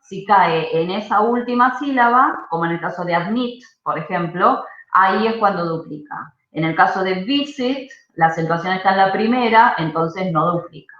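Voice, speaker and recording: A woman teaching an English grammar class online, explaining patiently and often checking in with a quick "¿sí?". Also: on the low side, fairly bright tone. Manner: explanatory, checks understanding with frequent "¿sí?". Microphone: video call. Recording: muffled roomy video-call audio.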